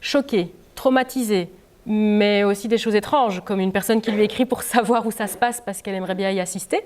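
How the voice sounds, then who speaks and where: A woman's voice: medium pitch, fairly quick, a little mellow. A woman author giving an informal public talk to an audience in a library, chatty and full of hesitations. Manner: chatty, many hesitations with "euh".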